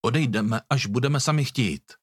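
A man's voice: mid-range voice, breathy edge, no room sound, clean studio sound, close to an everyday voice. A man voicing a sneering young thug. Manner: mocking, contemptuous.

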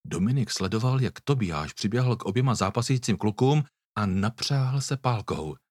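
A man narrates a storybook with a husky, slightly breathy voice. His pitch moves a lot as he tells the story. The sound is dry and close. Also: animated, darkish tone, no echo. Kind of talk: audiobook reading.

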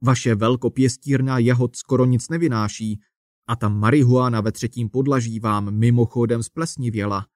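A man's voice: medium pitch, steady tone, a little mellow, no room sound, studio quality, close to an everyday voice. A man doing a smug pushy manager. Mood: bossy. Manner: brisk, salesman-like, lecturing. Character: pushy male manager in striped suit, self-satisfied.

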